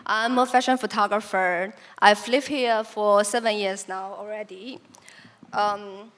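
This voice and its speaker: A woman's voice: medium pitch, fairly even intonation, unhurried, fairly bright tone. Reflective young woman photographer speaking. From China. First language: Chinese. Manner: earnest and reflective, with occasional restarts. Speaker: photographer giving a talk. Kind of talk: prepared presentation talk.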